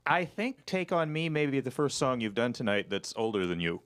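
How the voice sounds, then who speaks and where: A man's voice: mid-range voice, big pitch swings, fairly quick, a bit bright, clean tone. A middle-aged man hosting a radio session, chatting casually with a band in a rambling, wry, joking way. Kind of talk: casual interview chat.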